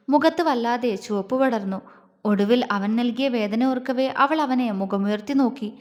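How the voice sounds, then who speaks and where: A woman storyteller narrating a romance audio story in a soft, steady, intimate way. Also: a little high, in a large hall.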